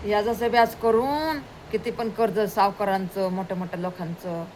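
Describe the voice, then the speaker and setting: A woman telling a moral folk story to an audience, animated and repetitive, acting out the characters. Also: mid-range voice, moderate pace, a little hiss or hum. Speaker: storyteller preacher.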